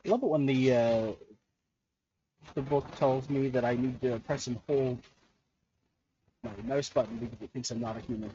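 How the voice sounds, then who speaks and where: A man running a tabletop game as game master, talking in a relaxed, conversational way with frequent restarts. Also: mid-range voice, moderate pace, pauses often, highs cut off, a little hiss or hum. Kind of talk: narrating a tabletop game over voice chat.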